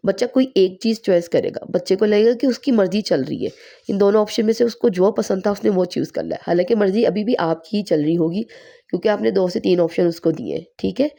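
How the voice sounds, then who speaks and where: Hoarse woman giving calm parenting advice. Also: mid-range voice. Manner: calm, explanatory advice-giving, pausing on numbered points. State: hoarse from a sore throat. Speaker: parenting vlogger. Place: at home.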